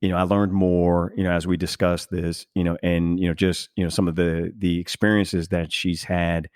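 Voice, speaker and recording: A man with a deep, level, slightly mellow voice hosts a podcast in a casual, reflective way, earnest and emphatic as he feels through each thought. He often halts to search for the next word, and the very dry recording has no room sound.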